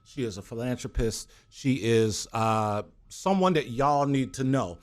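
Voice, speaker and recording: A man's voice: mid-range voice, measured pace. A man hosting a talk show, with a hyped, playful and joking way of talking. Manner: hyped, playful, jokey banter. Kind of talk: casual interview chat.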